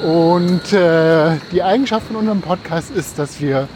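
A man's voice: on the high side, unhurried. A man co-hosting a casual podcast, chatting while walking outdoors along a city street. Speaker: podcast co-host. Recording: faint street and traffic noise behind.

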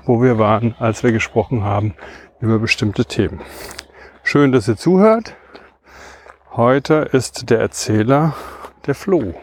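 A man's voice: mid-range voice, a little mellow, husky. A man co-hosting a casual podcast, chatting while running outdoors. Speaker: podcast co-host. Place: outdoors, on the move.

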